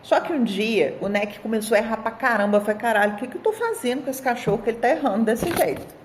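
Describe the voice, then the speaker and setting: A woman's voice: on the high side, quick pace, noisy background. Chatty Brazilian woman dog trainer. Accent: Brazilian Portuguese. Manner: chatty, animated storytelling, talks straight to viewers. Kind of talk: casual video presentation of an article.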